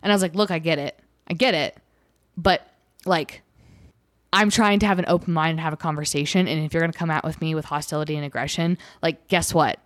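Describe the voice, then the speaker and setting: Emphatic low-voiced woman podcast co-host. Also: steady tone, brisk, no room sound, clean studio sound. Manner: emphatic, repeats phrases for stress. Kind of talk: casual chat.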